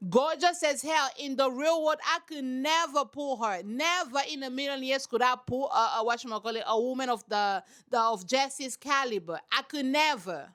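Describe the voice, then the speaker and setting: A woman's voice: high-pitched, normal speed, hardly any pauses. A woman giving casual reaction commentary on a reality TV show, emphatic and preachy, repeating her points and talking straight to her listeners. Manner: animated, talks straight to her audience.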